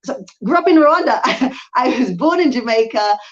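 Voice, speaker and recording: A woman's voice: fairly high pitch, expressive, moderate pace, highs cut off. A woman from the UK hosting a live Q&A on her channel, talking in a chatty way with frequent ums and restarts. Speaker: channel host and hotel owner. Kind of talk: live stream Q&A talk.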